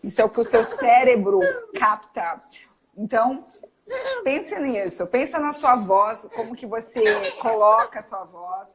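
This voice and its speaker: A woman with a Brazilian accent, a doctor giving an animated, emphatic live talk. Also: mid-range voice, poor audio. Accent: Brazilian Portuguese. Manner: energetic, emphatic, demonstrates tones of voice. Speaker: guest speaker, doctor.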